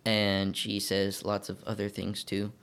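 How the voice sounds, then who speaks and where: A man's voice: lowish voice, completely flat delivery, a little slow, vocal fry, fairly bright tone, smooth. A man hosting a casual podcast discussion, talking hesitantly with many fillers. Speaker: podcast host.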